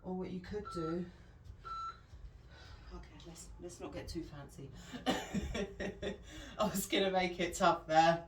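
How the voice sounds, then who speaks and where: A woman fitness instructor leading a follow-along workout with calm, encouraging cues, recorded at home. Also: on the low side, moderate pace, noisy background. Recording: echoey room, voice from a distance.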